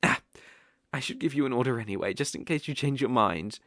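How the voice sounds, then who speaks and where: A British man with a mid-range, fairly bright, natural voice plays a sly, possessive, lovestruck fox-spirit mage in an ASMR audio roleplay. He sounds smug and possessive, coaxing slowly but breaking into eager, flustered outbursts. The recording is dry, with clean studio sound.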